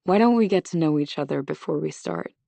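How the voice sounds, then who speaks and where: A woman's voice: low voice, lively intonation, brisk, creaky, dark tone, no room sound, full character voice. A woman reading the lines of a charming, kind young male college swimmer who talks in a friendly, easy and confident way. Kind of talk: audiobook dialogue.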